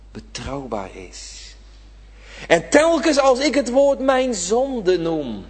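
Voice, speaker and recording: A man preaching a sermon, impassioned, swinging from loud appeals to hushed whispers, in a church. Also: on the high side. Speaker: pastor. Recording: reverberant church hall.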